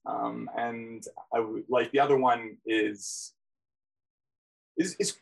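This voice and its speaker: A man's voice: medium pitch, steady tone, slow, creaky, poor audio. An Australian man guesting on a podcast in casual chat, speaking hesitantly with many fillers and restarts.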